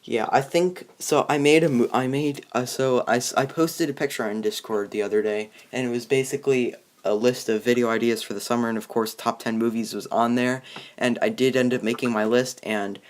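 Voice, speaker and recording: A young man with a mid-range, steady voice hosts a casual film discussion as a video reviewer. He speaks haltingly, feeling his way through sentences and rephrasing often as he goes.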